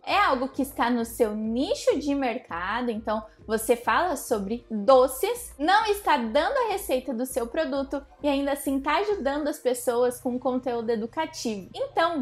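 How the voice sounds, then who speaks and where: Young woman from brazil, high bright voice, upbeat coach talking right at you from her couch. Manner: upbeat, addresses viewer directly. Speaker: marketing coach. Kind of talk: direct-to-camera business tips. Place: living room, seated on sofa. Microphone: fixed camera, medium framing.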